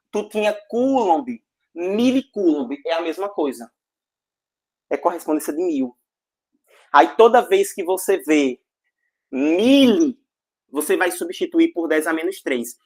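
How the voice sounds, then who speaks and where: A man's voice: high-pitched, a little slow, long pauses. Slangy man teaching. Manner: energetic, slangy, jokey, checks in with students. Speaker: physics teacher. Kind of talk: informal online class.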